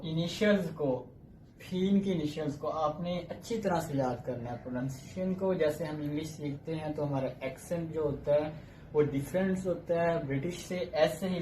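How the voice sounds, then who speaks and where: A man teaching a recorded language lecture, slowly drilling single sounds and repeating and explaining each one. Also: a little high, a little mellow, a little hiss or hum. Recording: echoey room.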